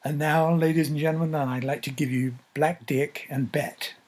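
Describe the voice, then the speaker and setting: A man narrating a scripted story in a measured, descriptive way. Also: on the high side, steady tone, a little mellow.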